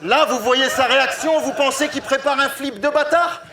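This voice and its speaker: A man with a very high voice taunts his rival in a rap battle, spinning little stories into jabs. Clear background noise runs under the noisy live recording. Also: normal speed. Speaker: battle rapper.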